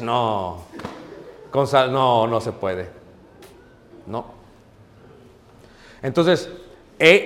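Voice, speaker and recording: Preacher joking in echoey hall. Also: male voice, on the high side. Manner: storytelling, laughs at own jokes, addresses congregation. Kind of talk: humorous sermon with anecdotes.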